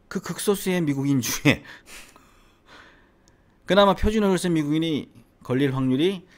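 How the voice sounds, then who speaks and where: A middle-aged man with a faint trace of a Gyeongsang accent talks straight to the camera as an English academy teacher. His voice sits at an ordinary middle pitch, but his intonation rises and falls a lot. He keeps asking the viewer questions as he makes his points. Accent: faint Gyeongsang Korean. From Gyeongsang region, South Korea. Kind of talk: casual educational monologue to camera.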